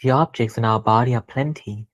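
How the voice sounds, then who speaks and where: A meditation teacher with a medium-pitched voice guides a meditation, speaking gently and deliberately and pausing between short phrases.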